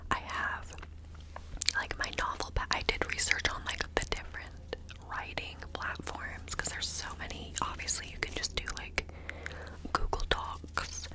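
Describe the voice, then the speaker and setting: A woman's voice: sharp tone, low-quality recording. A woman whispering an informal, meandering ASMR ramble close to the microphone, ear to ear, sometimes repeating words. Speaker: ASMR video creator.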